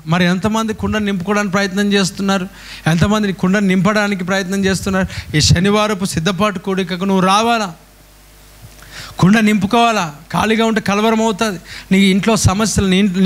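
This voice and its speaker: A man with a high voice preaches to his congregation. He repeats his lines and throws question after question at the listeners, calling for their answers. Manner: repetitive, rhetorical questions to the congregation. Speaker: pastor. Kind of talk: call-and-response sermon.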